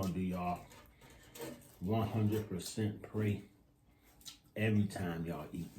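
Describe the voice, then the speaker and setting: A middle-aged man co-hosting a vlog, chatting casually in short, halting phrases and repeating points for emphasis. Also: low voice, dark tone. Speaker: vlog co-host. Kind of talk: casual chat at a meal. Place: indoor room at a table. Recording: echoey room, faint background noise.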